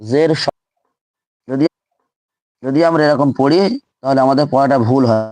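A man's voice: medium pitch, fairly even intonation, normal speed, a little mellow. A man teaching Quran reading in a live online lesson, drilling letters and syllables aloud and repeating each one patiently.

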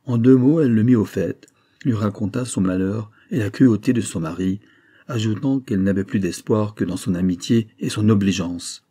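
A man reading a classic novel aloud at a steady, measured pace. His voice sits low and mellow, with a husky, slightly breathy grain. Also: no room sound, clean studio sound. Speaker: audiobook narrator. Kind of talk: literary audiobook narration.

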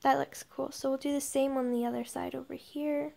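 Brisk and level, a young gaming creator's high, creaky, mellow voice runs through casual commentary as she builds in a game. She thinks aloud and often murmurs under her breath, and the home recording is noisy with clicks.

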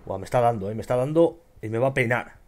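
A young man with a Spain Spanish accent commenting on his gameplay, excitable and swearing often as he shouts at enemies. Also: medium pitch, quick pace. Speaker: gamer.

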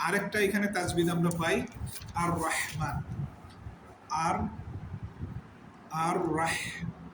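A man with a slightly high voice teaches a religious lesson, going over each term again and again. He slows right down to stretch out the recited words. The recording is echoey, with a steady background noise. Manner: explains step by step, repeating terms and drawing out recited words slowly. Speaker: Quran teacher. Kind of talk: religious lesson on word meanings and recitation rules.

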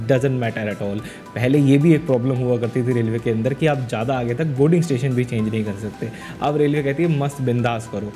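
Young male vlogger, medium pitch, lively conversational delivery on a lapel mic, faint music bed. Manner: chatty and animated, gestures while talking. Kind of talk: casual explainer vlog.

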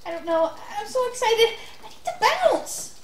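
A performer voicing an excitable puppet kid in a children's social-skills puppet show, gushing and stammering over his words. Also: high voice, moderate pace, roomy sound, noisy background. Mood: giddy. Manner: gushing, repeats himself, stammers when excited.

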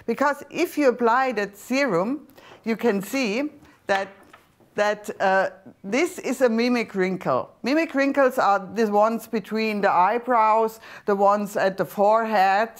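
A middle-aged woman with a German accent, a skincare doctor presenting a serum on a TV shopping channel, explaining in slightly halting non-native phrasing. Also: on the high side. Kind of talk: TV shopping product demonstration. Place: TV studio set. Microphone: lapel mic.

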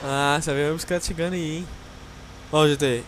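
A man chatting excitedly while gaming, often shouting in alarm. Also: on the high side, a little fast, background noise. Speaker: gamer. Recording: game music behind.

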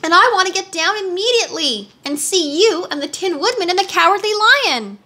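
An earnest little girl from a storybook , acted by a woman reader. Her voice is very high and bright, and she speaks emphatically, with a plaintive edge. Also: lively intonation, a little fast, heavily acted. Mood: indignant. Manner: emphatic, pleading.

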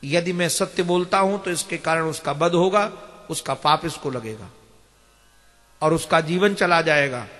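Male swami, devotional sermon, bright voice, unhurried delivery, slow chanted verses, long hall echo. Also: high voice. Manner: chants verses slowly between plain explanation; addresses listeners directly, teacherly. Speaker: swami giving scripture discourse.

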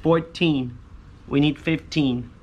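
On a covered patio by the pool, a thirtysomething vlogger scratches lottery tickets, talking casually to viewers with slang and repetition and hopeful mutters to himself. His slightly high voice is darkish, steady, and slow, and the recording is muffled, with outdoor ambience around him.

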